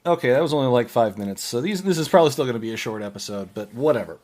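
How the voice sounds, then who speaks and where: A man hosting a podcast, giving casual movie reviews in a halting way, often restarting and trailing off mid-phrase. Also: mid-range voice, lively intonation, a little mellow. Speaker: podcast host.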